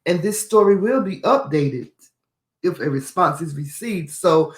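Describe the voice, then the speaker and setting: A man's voice: a little high, animated, measured pace. Indignant man reading news, echoey room. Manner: indignant, repeats phrases for emphasis. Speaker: podcast host. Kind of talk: reading and commenting on a news article.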